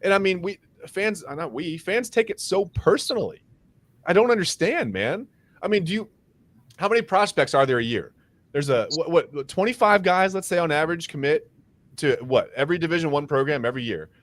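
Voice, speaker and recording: A man's voice: fairly high pitch, big pitch swings, a little fast, a bit bright. Emphatic male sports podcast co-host. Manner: emphatic, repeats words when worked up. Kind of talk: casual sports podcast chat.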